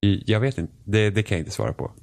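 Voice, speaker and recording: Dry-voiced young Swedish man, low pitch. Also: vocal fry, darkish tone. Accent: Swedish from Sweden, Finland-Swedish family background. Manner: dry, self-deprecating, talks in loose restarts. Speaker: podcast co-host. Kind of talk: casual chat.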